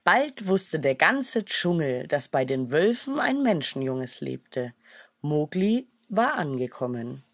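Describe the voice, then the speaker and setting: A woman narrating a children's storybook in a calm, measured way. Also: low-pitched, dry recording, studio quality.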